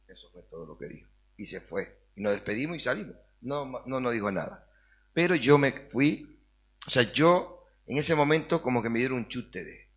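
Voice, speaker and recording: A man's voice: lowish voice, fairly bright tone. A man sharing an earnest personal faith testimony as an interview guest, acting out the dialogue as he tells it. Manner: earnest storytelling, acts out dialogue.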